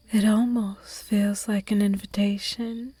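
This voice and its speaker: In an ASMR roleplay, a woman voices a seductive, predatory female vampire teasing her prey with slow, close, breathy whispers. Her voice is mid-range and mellow, and the recording is dry.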